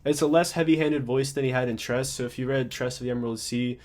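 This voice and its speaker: Reviewing a book off the cuff, this young man rambles casually, full of fillers and false starts. A bit of congestion makes him sound stuffy. He speaks quickly in a steady, medium-pitched voice with a darkish tone.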